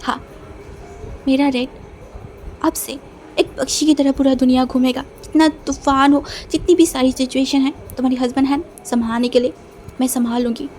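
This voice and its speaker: A teasing, possessive gangster husband drawls his lines, as a woman reads him out. The voice sits high and has a mellow, soft-edged tone. It is told like a storybook. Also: fairly even intonation, normal speed, slight background noise, natural voice. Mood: tender.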